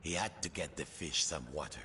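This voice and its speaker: A man narrating a storybook video game in a dramatic, expressive storyteller's manner. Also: rumbling low, fairly quick.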